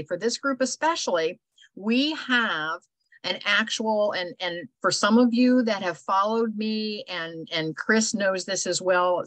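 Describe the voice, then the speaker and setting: A woman's voice: mid-range voice, a bit bright, no echo, rough recording. An older woman, hosting a casual video call meetup, chatty and rambling with lots of fillers. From Ohio. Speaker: host. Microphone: video call microphone.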